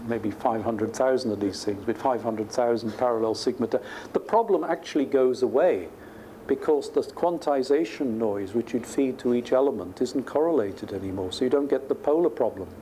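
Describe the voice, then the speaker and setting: In a clearly noisy recording from a university lecture room, a man with a warm, medium-pitched voice speaks at a moderate pace. He is a professor thinking aloud, explaining technical ideas in an informal, conversational way.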